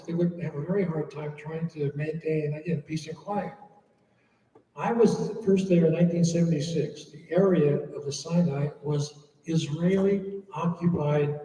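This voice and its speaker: A fairly high, warm voice belongs to an older man, a monk from the United States, addressing an audience informally in a church hall. He chats his way through stories with humorous asides. Heard from far off in the echoey hall, the audio carries a little hiss or hum.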